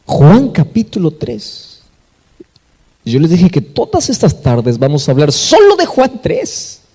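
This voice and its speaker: A man's voice: fairly high pitch, huge pitch swings, slow pace, dark tone, slightly rough. A Peruvian man preaching a sermon with emphasis, asking the congregation questions and answering them himself. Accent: Peruvian Spanish. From Peru. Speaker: pastor. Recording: echoey hall with long reverb.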